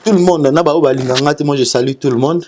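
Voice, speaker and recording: A man's voice: fairly high pitch, dark tone, slight background noise. A man, a singer interviewed as a guest, talking casually and sending greetings, often stumbling over repeated syllables. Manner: halting, repeats syllables and restarts.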